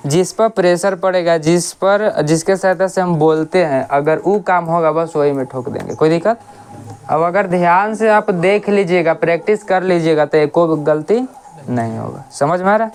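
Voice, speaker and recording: A coaching teacher gives a casual grammar lesson. They ask questions, answer them themselves, and repeat sounds slowly to show them. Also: mid-range voice, darkish tone, slight background noise.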